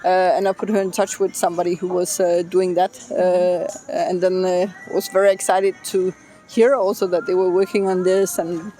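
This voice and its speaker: A woman's voice: fairly low pitch, level tone, normal speed, dark tone, a little hiss or hum. Middle-aged woman from Denmark, interview guest, thoughtful, hesitant, outdoors. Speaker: interview guest, business consultant. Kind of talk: casual interview. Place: outdoors by the beach.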